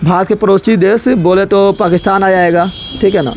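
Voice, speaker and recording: High-voiced teacher drilling questions. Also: male voice, fairly even intonation, normal speed, a little mellow, a little hiss or hum. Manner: drills students with constant repeated questions. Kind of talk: classroom lecture.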